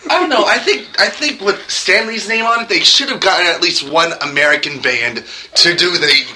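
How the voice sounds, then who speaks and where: Male co-host, bright and slightly high voice, casual review chat. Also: normal speed, poor audio. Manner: chatty, laughs easily. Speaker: podcast co-host.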